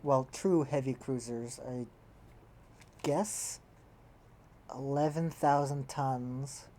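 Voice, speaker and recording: A woman with a rumbling low, dark voice plays a strategy game and talks slowly to herself. Her casual thinking-aloud often trails away partway through as she counts up figures.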